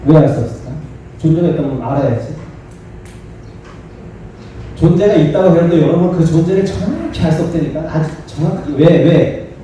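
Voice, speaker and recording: Monk man giving a chatty sermon, really dark voice, echoey hall, sounds a bit off mic. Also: a little high, normal speed, long pauses, distant mic, slight background noise. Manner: conversational, acts out quoted dialogue, asks the audience questions. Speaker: monk giving a dharma talk. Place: temple dharma hall.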